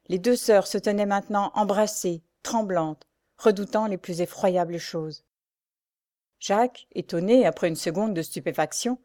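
A woman narrating a classic novel for an audiobook. Her reading is measured and expressive, and her voice sits at a middling pitch.

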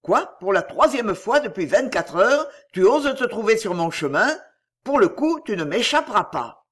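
A man reading aloud, voicing a hot-headed young Roman man shouting in fury. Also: sits high, big pitch swings, unhurried, exaggerated voice. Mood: furious. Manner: loud, cursing.

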